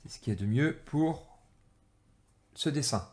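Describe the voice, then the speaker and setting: A man teaching an energy-healing exercise while drawing, speaking haltingly with many pauses and fillers, tired and irritated. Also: mid-range voice, expressive, darkish tone. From France.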